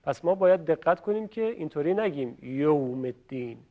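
A man from Iran teaching Quran recitation in a lesson, patiently demonstrating how sounds are made and asking viewers to repeat after him. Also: high-pitched. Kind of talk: classroom-style lesson. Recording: dull lo-fi recording.

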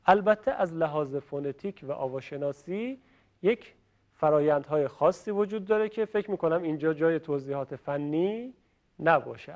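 A man's voice: fairly high pitch, a little mellow. A man from Iran teaching Quran recitation in a lesson, patiently demonstrating how sounds are made and asking viewers to repeat after him. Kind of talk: classroom-style lesson. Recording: dull lo-fi recording.

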